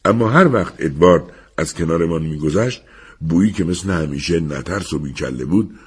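A man's voice: low voice, expressive, breathy edge. A man narrating a story in an audiobook, reading expressively.

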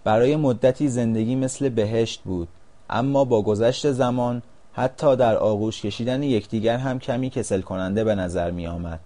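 A man narrating a storybook in a calm, measured reading voice. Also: mid-range voice.

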